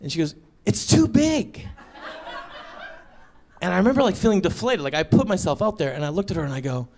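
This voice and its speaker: A man doing a stand-up comedy set on stage, telling a story with lively delivery and acting out the voices of the people in it. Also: on the high side, very fast, slight background noise. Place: comedy club stage before a live audience.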